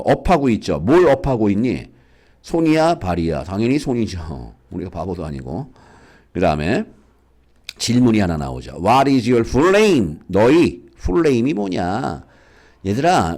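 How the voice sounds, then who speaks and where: Lively man teaching English to children. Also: medium pitch. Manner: lively, coaxing, asks students questions. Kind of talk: lecture for school kids.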